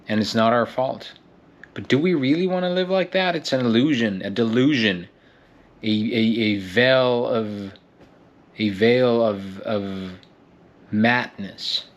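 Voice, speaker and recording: A man's voice: mid-range voice, a bit bright. A young man vlogging alone in a reflective monologue, musing and often restarting and repeating words. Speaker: actor and fitness vlogger. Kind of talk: reflective solo vlog monologue.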